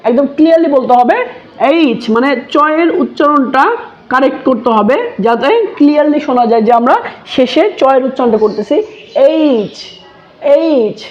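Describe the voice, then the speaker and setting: A woman's voice: high-pitched, muffled recording. A woman teaching letter sounds, saying each one twice and then asking and answering her own questions. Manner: slow, repeats each sound twice, asks and answers herself. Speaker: English teacher. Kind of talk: teaching lesson.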